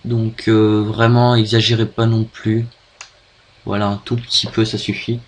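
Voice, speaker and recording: A Frenchman makes a screen-recorded software tutorial, hesitantly talking the viewer through it. His voice sits on the low side with little pitch movement and a measured pace, and he leans on many fillers and restarts.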